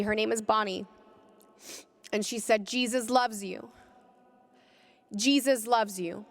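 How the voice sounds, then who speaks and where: A woman delivers an emotional faith testimony to a gathering, her fairly high voice full of conviction. She speaks with deep feeling and her pitch climbs sharply at the most intense moments. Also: a bit bright, in a large hall. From California. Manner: impassioned, rising to cries in high moments. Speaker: pro-life speaker.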